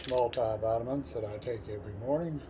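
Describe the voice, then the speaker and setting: A man's voice: mid-range voice, a little fast. A man in his sixties talking plainly and casually to his viewers as a motivational fitness vlogger. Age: 60s. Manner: plain-spoken, addressing viewers as folks. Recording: noisy recording with vehicle ambience.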